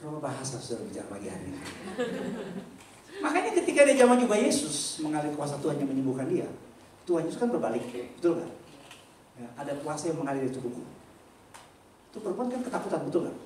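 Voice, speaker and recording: A man's voice: on the high side, fast talker, pauses often. A preaching man echoing in a church. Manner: animated preaching with rhetorical questions and loud emphatic peaks; casual slangy asides to the congregation. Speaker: pastor. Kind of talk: sermon. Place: church hall. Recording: echoey church hall from a distant mic.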